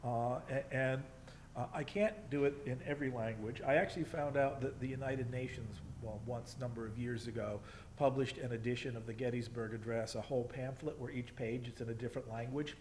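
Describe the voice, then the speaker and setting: A man chats with an audience at a museum event, self-deprecating and full of hesitant fillers. His voice sits in a middle pitch, with a faint hiss in the background. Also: steady tone, brisk, darkish tone. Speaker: contestant reciting a speech. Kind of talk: casual spoken remarks to an audience.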